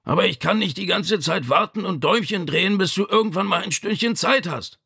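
A man's voice: high-pitched, lively intonation, brisk, creaky, sharp tone, breathy edge, voice pushed up, heavily acted. A man voicing a stubborn, injured old father who grumbles in a strained, weak voice. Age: older.

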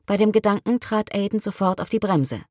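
A woman reading a romance novel aloud as an audiobook narrator, calm and even. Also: mid-range voice, brisk, dry recording, studio quality. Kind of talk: scripted narration.

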